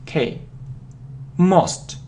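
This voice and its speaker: Woman teaching grammar, super slow, says every example twice, typing in the background. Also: dark tone. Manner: slow and deliberate, repeats example words. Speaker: English teacher. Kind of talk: slow spoken grammar lesson.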